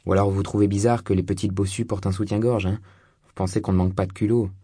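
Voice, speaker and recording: A man's voice: deep voice, flat delivery, fast talker, mellow, breathy edge, dry recording, studio quality. A man voicing a blunt, suspicious young woman, a hunchbacked locksmith's apprentice, in an audiobook reading. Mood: prickly.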